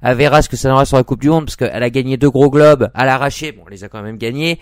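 A man's voice: medium pitch, racing, no room sound, studio quality. A man hosting a casual sports podcast, chatty and joking, peppering his talk with fillers. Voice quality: smooth, lots of "hein" fillers. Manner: chatty, laughs easily, joking. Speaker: podcast host.

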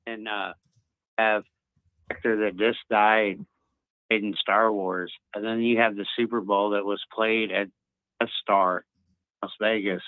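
A man's voice: on the low side, no room sound. Rambling male caller on a phone line. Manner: rambling, conspiracy theories. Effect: heard over a phone line. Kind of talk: casual call-in chat.

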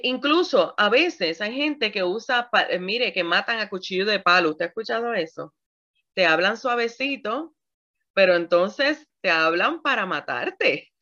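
Animated woman pastor with a bright voice, a bit lo-fi, talks to her congregation directly. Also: fairly high pitch. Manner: animated, acts out examples with shifting tones; addresses the audience directly, laughs often. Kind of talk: sermon on communication.

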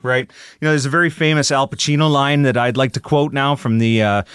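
Man, podcast host, mid pitch, dry close mic, chatty questions. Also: steady tone, brisk, a bit bright, clear, resonant tone, no echo. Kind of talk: podcast interview.

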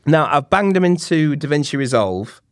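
Man, Manchester accent, podcast co-host, lively pitch, dry recording. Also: normal speed, dry recording. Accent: Mancunian. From England. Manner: chatty, self-deprecating explainer. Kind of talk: casual chat.

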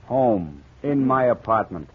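A surly American gangster from a 1940s radio crime play. He talks tough and slangy in a husky voice. The sound is narrow and scratchy, an old broadcast. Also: fairly low pitch, animated, takes it slowly, heavily acted. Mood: surly, defiant. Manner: tough slangy talk, belligerent. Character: surly, defiant nightclub gangster, a murder suspect.

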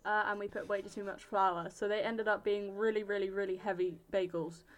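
A woman's voice: mid-range voice, steady tone, fairly quick. A young woman chatting casually as a podcast co-host, telling stories with playful self-deprecation. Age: young adult. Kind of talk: casual chat.

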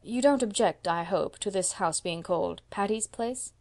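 In a mid-range, darkish voice near her natural speaking voice, a woman voices a proud seventy-year-old spinster who owns a house. She speaks at a normal speed, and the brisk, decisive character delivers her lines with emphasis.

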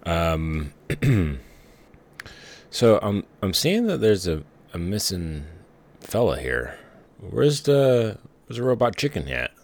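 Man, deep voice, lively intonation, dry teasing, casual podcast chat. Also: slow, long pauses. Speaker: podcast co-host. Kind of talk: casual chat during a fantasy draft.

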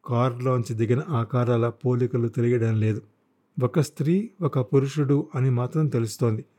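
A man narrating a thriller novel as an audiobook in a steady, dramatic storytelling manner. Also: medium pitch, moderate pace. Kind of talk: scripted narration.

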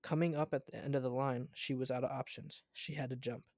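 Man, story reading, stumbles and self-corrects, mid-pitched voice, dry close sound. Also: steady tone, fairly quick, darkish tone, no echo.

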